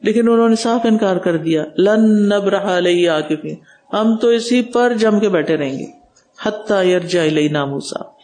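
A man's voice: high-pitched, darkish tone. A male preacher giving a Quran commentary, reciting Arabic verses and explaining them with emphasis.

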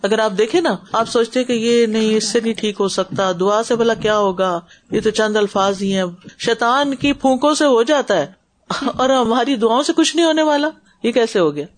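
A woman religious teacher giving a class and answering questions in an earnest, advising way, mixing in English words. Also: fairly high pitch.

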